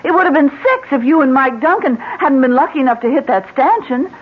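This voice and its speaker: Worried american wife in old radio play, pleading, very lively pitch, thin phone-like sound. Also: female voice, brisk. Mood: urgent. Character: anxious, pleading wife urging her husband to leave. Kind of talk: old-time American radio drama acting.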